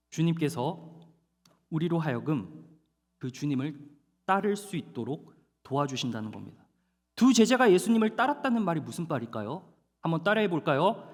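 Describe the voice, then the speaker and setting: In a church hall, a high-pitched male pastor preaches to a young adult congregation, animated and telling stories, slowing down dramatically for emphasis. A long hall reverb trails his words.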